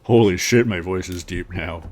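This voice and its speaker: A man doing a boy with a deep pitched-down voice. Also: normal speed, slight background noise. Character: teenage boy in a costume whose voice turns deep. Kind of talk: improvised comedy scene.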